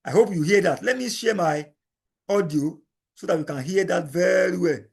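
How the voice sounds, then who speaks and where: A man leads a screen-recorded software lesson, his voice high for a man. He goes slowly and explains each click, repeating himself so nobody gets lost. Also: vocal fry, husky. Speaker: instructor.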